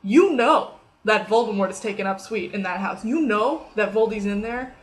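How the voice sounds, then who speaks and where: Young woman vlogging, a little hoarse. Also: mid-range voice, normal speed, poor audio. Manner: animated storytelling, sudden drops to a whisper. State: slightly hoarse from coughing. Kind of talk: casual talking-to-camera vlog.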